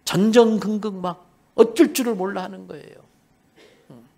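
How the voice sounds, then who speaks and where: A male pastor with a Busan accent preaching a sermon in a church. He reads scripture slowly, then explains it in plain talk, moving between soft asides and loud exhortation. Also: high voice, fairly even intonation, gravelly. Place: church sanctuary.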